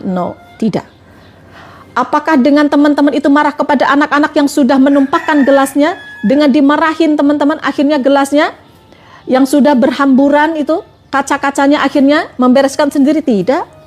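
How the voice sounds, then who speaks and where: A woman preaching on a livestream, talking to her listeners as friends in a repetitive, coaxing way. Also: high voice. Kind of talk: livestream religious talk.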